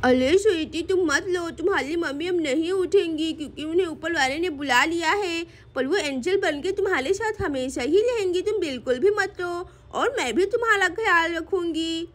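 A woman's voice: very high-pitched, animated, moderate pace, hardly any pauses. Woman voicing a soothing aunt doll. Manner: soothing, coaxing.

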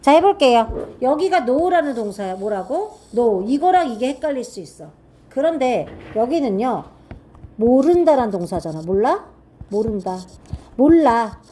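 A woman teaching English grammar to a classroom of students, firing quick check-in questions and reading example sentences slowly and deliberately. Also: on the high side, sing-song, mellow, a little hiss or hum. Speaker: English teacher at a cram school.

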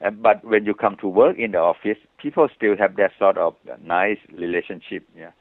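A man with a Thai accent, a native Thai speaker, explaining things step by step in a halting way as an interview guest over the telephone. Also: on the low side, fairly even intonation, no room sound. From Thailand. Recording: tinny narrow phone line.

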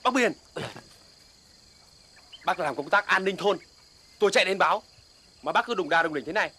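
An anxious villager who pleads urgently for help. His voice is high and bright, and he talks quickly. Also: animated, husky, heavily acted. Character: anxious male villager raising the alarm.

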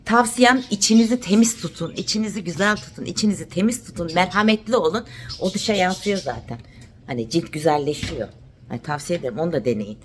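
A woman from Turkey in her thirties, chatting casually to her viewers while she cooks in her kitchen at home. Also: a little hiss or hum. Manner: chatty, talks to her dog in a high teasing voice. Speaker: vlogger. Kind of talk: casual home vlog chat.

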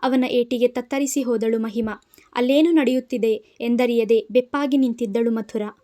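A woman narrating a dramatic audio story with an expressive, scripted reading. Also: on the high side, normal speed.

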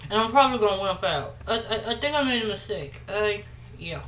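A woman's voice: medium pitch, lively intonation, a little fast, fairly bright tone, roomy sound, lo-fi sound, slight background noise. A woman vlogging casually to the camera through a dried face mask, chatty and nervous, saying y'all and giggling. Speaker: beauty vlogger. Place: indoors at home.

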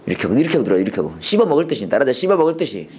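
Crowd noise surrounds a middle-aged man teaching Bible and English, who lectures emphatically and leads call-and-response repetition. His mid-range voice swings widely in pitch and races, with a preachy style that drills phrases for repeating.

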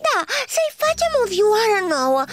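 A woman voicing a bossy little butterfly girl with a quick, squeaky voice. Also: very animated.

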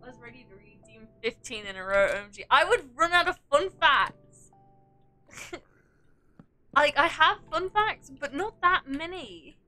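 Young female streamer, high bright voice, unhurried teasing patter, soft music behind. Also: sing-song. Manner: playful, teasing, giggly. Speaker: livestreamer. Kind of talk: casual livestream chat.

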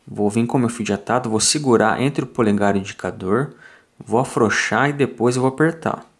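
Man, Brazilian accent, step-by-step tutorial, methodical, mid pitch, close mic. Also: fairly quick. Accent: Brazilian Portuguese. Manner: calm, methodical, counts turns aloud. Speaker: fly tying instructor.

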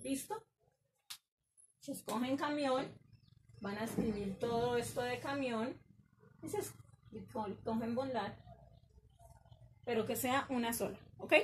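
A woman teaching a language lesson to children, praising them warmly and slowly drawing out words to show which syllable is stressed. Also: a little high, a little hiss or hum.

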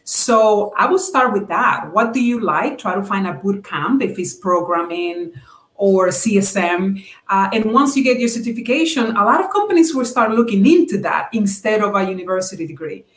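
A woman's voice: medium pitch, animated, normal speed, reverberant. A woman answering interview questions in an earnest, advice-giving way with many fillers. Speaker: guest.

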